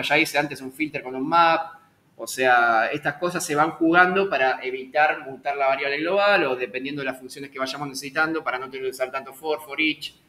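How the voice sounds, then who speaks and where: A man's voice: mid-range voice, fairly bright tone. A man teaching a live online programming class, chatty and correcting himself with small jokes at his own slips.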